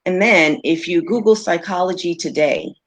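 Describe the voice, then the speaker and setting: A woman's voice: on the low side, moderate pace. A woman psychologist speaking as a panel guest over a video call, in a practical, matter-of-fact way. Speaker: psychologist and therapist. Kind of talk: casual panel talk on a live webinar.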